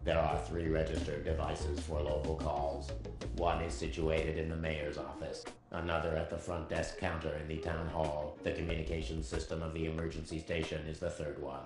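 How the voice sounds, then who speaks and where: A glitching, bureaucratic post office robot, rattling off rules in a very deep, gravelly drone that barely rises or falls. Its clipped, officious machine phrases break into error outbursts. The game audio sounds echoey, with music running underneath. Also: male voice, completely flat delivery, normal speed. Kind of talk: video game voice acting.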